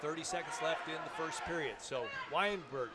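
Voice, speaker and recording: A man giving excitable live commentary on a high school wrestling match, laughing between calls. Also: moderate pace. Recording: loud crowd and noise behind.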